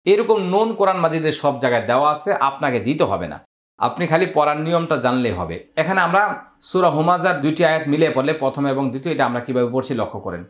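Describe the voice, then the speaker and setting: A man teaching Quran recitation rules, explaining each step and drawing out the Arabic words slowly. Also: a little high, expressive, reverberant.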